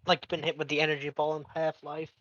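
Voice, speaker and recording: Over an online voice chat mic, a young man plays a tabletop game, bantering with the game master and pushing hard, quick to argue. His voice is a little high, monotone and fairly bright, and the recording sounds dry and muffled.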